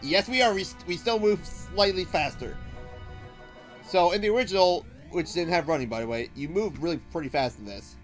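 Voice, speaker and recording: A man's voice: high voice, brisk. A man hosting a let's play, giving casual commentary and thinking aloud hesitantly as he goes. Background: game music.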